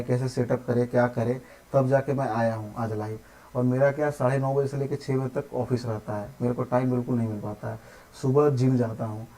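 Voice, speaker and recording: Patient Hindi maths teacher, repeating steps. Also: male voice, medium pitch, a little mellow, poor audio. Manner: patient, repeats steps, says "ठीक है" often. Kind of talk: live online maths lesson.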